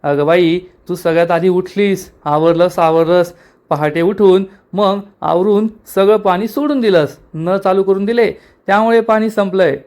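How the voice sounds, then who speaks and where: A man's voice: high voice, fairly even intonation, moderate pace, a little mellow, clear, resonant tone. A man reading aloud the teasing, sarcastic lines of an older man who heads the household.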